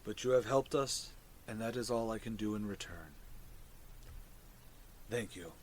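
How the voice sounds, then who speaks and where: A man voicing a gentle, grateful mushroom creature leader in a tabletop game, speaking softly and courteously with a hushed, muffled, solemn delivery. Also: lowish voice, a little slow, slight background noise, pitched below the performer's own voice, close to an everyday voice. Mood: gentle, earnest.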